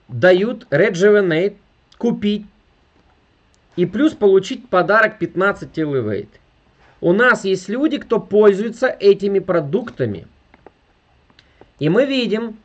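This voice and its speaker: A network marketing presenter in his thirties, high-pitched and recorded with lo-fi sound, gives an emphatic video-call sales presentation while constantly appealing to viewers. He's in a furnished indoor room.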